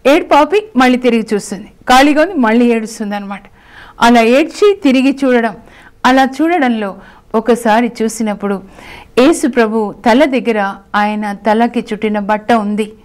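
Woman preacher, high-ish voice, slow dramatic sermon storytelling. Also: a little mellow.

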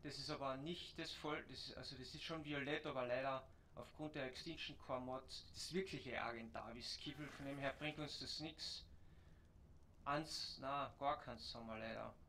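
A man from German-speaking Europe giving casual let's play commentary, muttering to himself and breaking into excited cursing. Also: medium pitch, normal speed, a little hiss or hum.

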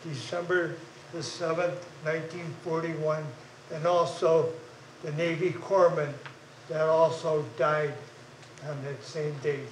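A man representing the Marines, reciting a solemn candle-lighting dedication very slowly and deliberately. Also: fairly high pitch, level tone, noisy background. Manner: very slow, deliberate. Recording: echoey hall from far off.

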